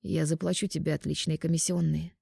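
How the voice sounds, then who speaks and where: Woman putting on a haggling pushy young man, creaky low voice, dark tone, audiobook. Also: level tone, brisk, dry recording, clean studio sound, heavily acted. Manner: pushy, wheedling bargaining. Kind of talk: audiobook narration.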